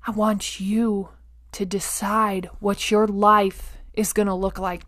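Addressing the listener directly, a female podcast host delivers a motivational monologue at medium pitch. Her delivery leans on emphasis, deliberate pauses, repeated lines, and rhetorical check-ins.

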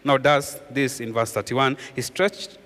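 Man preaching with hushed, repeated emphasis. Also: medium pitch, fairly even intonation, a little slow, in a large hall. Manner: earnest preaching, repeats key phrases, drops to a hushed voice for emphasis. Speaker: pastor. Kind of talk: sermon.

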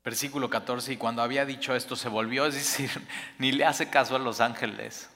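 A man preaching a sermon, expressive, building to emphatic peaks and then dropping soft. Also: medium pitch, fairly quick, big-room sound. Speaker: pastor.

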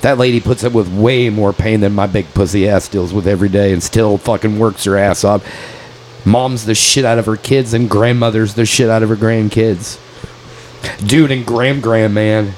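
A man in his late thirties talks on a casual podcast, his voice sitting low. He swears freely and drops dude into every sentence. A faint background hum runs under the recording. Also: steady tone, moderate pace, darkish tone, low-quality recording. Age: 30s. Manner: profane, calls everyone dude, venting frustration. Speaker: podcast co-host. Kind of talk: casual chat.

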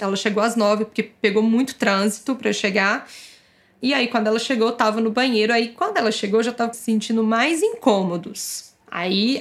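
A young adult woman casually telling her own birth story, acting out the dialogue in lively turns. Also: fairly high pitch. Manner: lively, acts out quoted dialogue.

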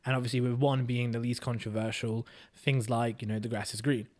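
A man's voice: medium pitch, flat delivery, a little fast, a little mellow. A man chats casually as a podcast co-host. His voice sits in an ordinary middle register. He talks in a wry, joking, self-deprecating way. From Hungary. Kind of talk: casual chat.

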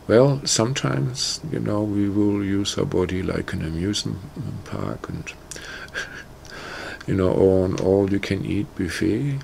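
A man introducing a guided meditation in a casual, halting way, full of "you know" and "uh". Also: low voice, vocal fry, darkish tone, a little hiss or hum. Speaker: meditation teacher. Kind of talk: casual spoken talk.

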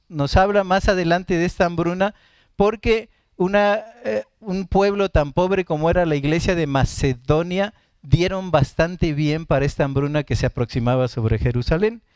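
A man preaching a live-streamed Bible teaching sermon. He reads scripture at an unhurried pace and explains it, often correcting himself in asides. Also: high voice, a little mellow, clean tone, no echo.

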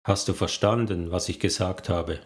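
A man's voice: sits low, fairly even intonation, normal speed, natural voice. A man reading a tough female detective. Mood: firm.

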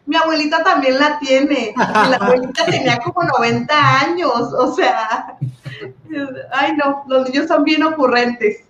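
High-voiced woman teacher, echoey dull sound. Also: measured pace, slight background noise. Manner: lively anecdotes. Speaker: teacher, co-host. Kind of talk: casual chat.

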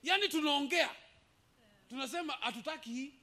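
A man preaching a sermon as pastor, emphatic and building to shouts, with asides in Swahili. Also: extremely high pitch, brisk.

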